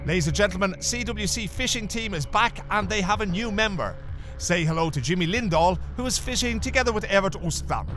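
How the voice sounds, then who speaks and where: A man narrates the show in a polished, scripted announcer manner. His voice sits high for a man, and music plays clearly underneath. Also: expressive, brisk, a bit bright. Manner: announcer-like, emphatic introductions.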